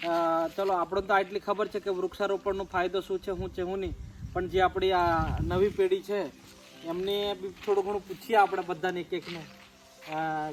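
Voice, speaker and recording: Coaxing village woman quizzing kids. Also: lowish voice. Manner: coaxing, patient questioning. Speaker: vlogger quizzing village children. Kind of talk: casual outdoor chat.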